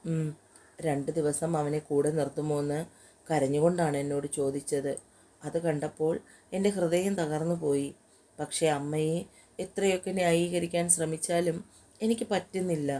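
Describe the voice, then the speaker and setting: A woman's voice: low-pitched, fairly even intonation, moderate pace, dark tone. A woman narrator voicing a young woman who is tearful and heartbroken, pleading through her tears in an audio story. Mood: sorrowful.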